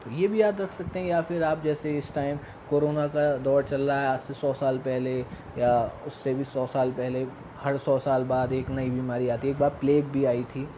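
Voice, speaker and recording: A man's voice: mid-range voice, flat delivery, normal speed, hardly any pauses, dark tone, a little hiss or hum. A man giving a casual lesson on memory tricks, talking conversationally, repeating his cues and asking rhetorical questions. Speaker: quiz tutor.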